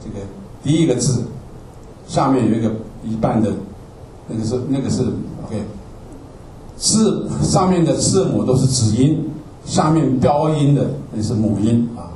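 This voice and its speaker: A man's voice: medium pitch, animated, unhurried, dark tone, a little hiss or hum. A man teaching a Bible class from slides, explaining word by word, repeating himself and often checking in with "okay?". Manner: repetitive, explanatory, ends phrases with "ah" and asks "okay?". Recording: roomy, distant mic with faint ambience.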